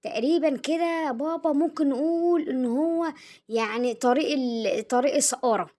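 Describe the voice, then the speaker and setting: A woman's voice: sits high, moderate pace, mellow, natural voice. A woman playing a cheeky, scheming schoolboy son with an Egyptian accent who rambles through excuses. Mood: flustered. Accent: Egyptian Arabic. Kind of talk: comedy sketch acting.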